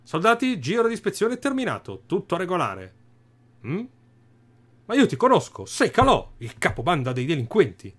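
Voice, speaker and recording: A man's voice: a little high, sing-song, moderate pace, a bit bright, pitched above the performer's own voice. A man playing a pompous barking knight. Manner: barking, self-important. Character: stiff pompous male knight captain.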